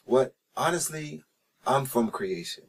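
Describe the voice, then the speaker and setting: A reggae singer-songwriter from New Jersey, raised in North Carolina, answers interview questions in a recording studio with a slight Jamaican-sounding lilt. He enunciates carefully, restarts often and says "you know" a lot. His mid-range voice has lively intonation and an unhurried pace, with slight background noise.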